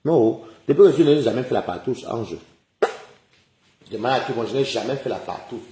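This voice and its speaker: Animated man ranting indignantly. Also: mid-range voice, a little fast. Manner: indignant, rhetorical questions, frequent chuckles. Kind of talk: casual live-stream rant. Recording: roomy echoey recording.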